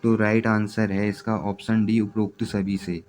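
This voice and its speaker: A man teaching exam preparation, reading out multiple-choice questions and their answers in a steady, repetitive way. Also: fairly low pitch, moderate pace, a little hiss or hum.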